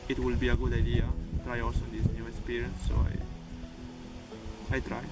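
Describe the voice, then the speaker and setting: Flat-voiced hesitant young man. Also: medium pitch, moderate pace. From Peru. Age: young adult. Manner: hesitant, broken phrasing. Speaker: volunteer. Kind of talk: interview answers. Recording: distant mic with loud music.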